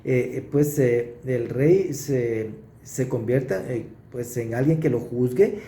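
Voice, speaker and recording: A man preaching, teaching through a Bible passage verse by verse and pausing to stress what he reads. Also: mid-range voice, mellow, a little hiss or hum. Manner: explanatory, pauses to stress verses. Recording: roomy echo.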